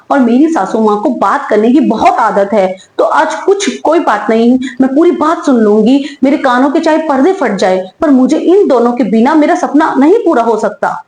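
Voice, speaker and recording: A woman's voice: fairly high pitch, a little mellow, poor audio. A young woman acting as a daughter-in-law in a scripted comedy skit, pleading sweetly and making playful asides to the camera. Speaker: skit creator and lead.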